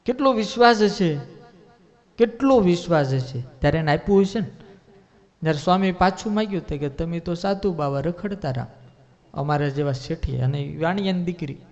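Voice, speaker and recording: A man with a fairly high voice tells a devotional story as a sermon, acting out each character's lines in shifting voices. His voice rings with a long reverb through a large hall. The recording is dull and lo-fi. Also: brisk, a little mellow. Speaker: religious storyteller.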